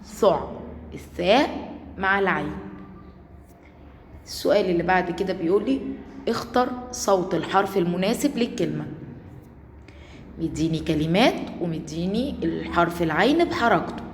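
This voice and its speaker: A woman with an Egyptian accent gives a lesson to small children, coaxing and drawing words out slowly so they can follow. Her voice sits fairly low for a woman. It rings in a roomy space with a long reverb. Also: expressive, slight background noise. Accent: Egyptian Arabic. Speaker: primary school Arabic teacher. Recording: echoey room with long reverb.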